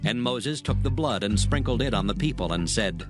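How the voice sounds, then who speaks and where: A man narrating scripture in a measured, steady reading. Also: fairly low pitch. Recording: narration over loud music.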